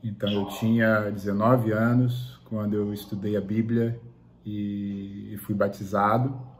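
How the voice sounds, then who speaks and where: A man in his forties giving a measured, reflective testimony in an interview, pausing with fillers. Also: fairly low pitch, little pitch movement, slight background noise. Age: 40s.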